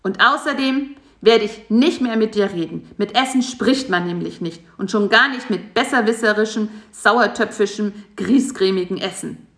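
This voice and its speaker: A woman's voice: medium pitch, normal speed, a bit bright, pitched above the performer's own voice, natural voice. A woman voicing a grumpy, lazy male spider in a storybook, grumbling and snappy. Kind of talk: storybook voice acting. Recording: echoey room.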